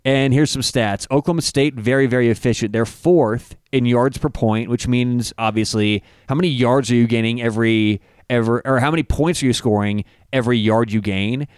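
A man giving a casual, stat-heavy breakdown of college football betting lines, often halting and restarting as he talks. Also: medium pitch, darkish tone, clear, resonant tone, no echo, clean studio sound. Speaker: sports betting analyst. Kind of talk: casual analytical sports chat.

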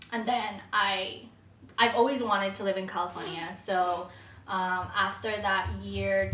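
A woman's voice: mid-range voice, a bit bright, far from the mic, slight background noise. A woman in her twenties from the Philippines, a podcast guest talking unhurriedly with many "um"s. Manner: unhurried, many "um"s, frequent laughter. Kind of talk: casual interview chat. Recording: echoey room, from the mic.

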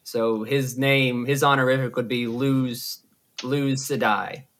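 A man's voice: mid-range voice, steady tone, takes it slowly, a bit bright. A man hosting a casual book podcast, patiently explaining lore to his co-hosts. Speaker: podcast host.

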